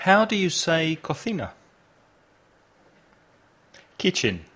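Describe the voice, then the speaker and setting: A man teaches a podcast language lesson at a very slow, careful pace. His pitch moves lively up and down as he patiently asks the listener to repeat each word. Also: husky. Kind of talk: slow, deliberate English lesson with drills.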